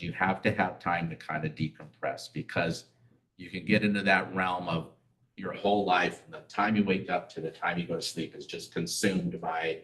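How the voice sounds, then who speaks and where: In a casual community class, a middle-aged man talks conversationally, blending personal stories with rhetorical questions. His low-pitched voice has a fairly bright tone, picked up from a distance, off-mic, with a roomy echo.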